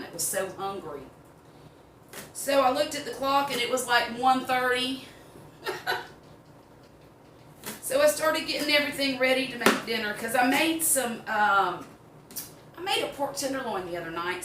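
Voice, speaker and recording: The speaker is an older woman with a Southern American accent, rambling in a homey, folksy manner as she demonstrates cooking in her kitchen. Her pitch is fairly high and her tone sharp. The audio is roomy and distant, with background noise.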